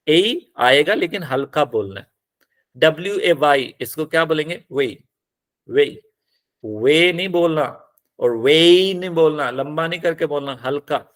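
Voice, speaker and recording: Male phonetics teacher, slightly high voice, patient repeated drilling. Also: fairly bright tone. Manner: drills words slowly, repeating each several times. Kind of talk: classroom-style lesson.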